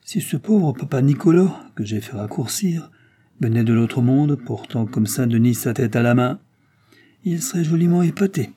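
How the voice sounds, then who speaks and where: A man reading aloud, voicing a cocky young bandit posing as a gentleman. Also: mid-range voice, expressive, moderate pace, breathy edge, pitched above the performer's own voice. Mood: smug. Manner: smug, boastful. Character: young male dandy bandit, cocky and scheming.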